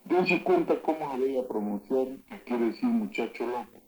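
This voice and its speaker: A man teaching words of an old local language, saying each word slowly and loudly and then explaining its meaning. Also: mid-range voice, animated, rough recording. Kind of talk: spoken vocabulary lesson.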